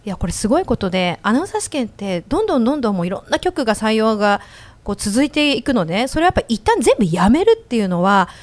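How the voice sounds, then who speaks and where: A woman's voice: a little high, sing-song, racing. A woman co-hosting a podcast interview, chatty and encouraging as she draws out the guest. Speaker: podcast co-host, former announcer applicant.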